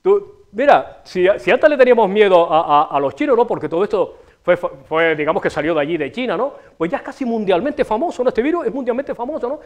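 Hosting a local TV show in a small studio with a city backdrop, a middle-aged man with a Canarian Spanish accent delivers a rambling comic monologue full of swearing and big gestures. His voice is high, with lively intonation and a quick pace.

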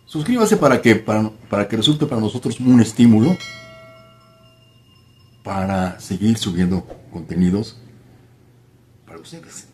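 A man's voice: fairly low pitch, animated, a little slow, pauses often, darkish tone, a little hiss or hum. An older man hosting a style channel, speaking to camera in a formal, emphatic manner, repeating points and addressing the viewer politely. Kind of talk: talking to camera, advice monologue. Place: home room by a window.

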